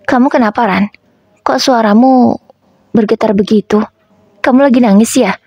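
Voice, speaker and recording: A woman voicing a panicked grandfather in a spoken story, with a husky voice. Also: a little high, normal speed, darkish tone, no echo. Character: panicked grandfather, father of narrator.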